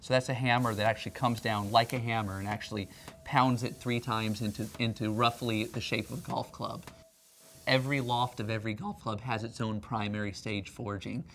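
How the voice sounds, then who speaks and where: A man in his thirties, a company R&D representative presenting a factory tour, gives a conversational, explanatory promotional talk over background music. His voice is low-ish and fairly bright, steady in tone and a little fast, with slight background noise.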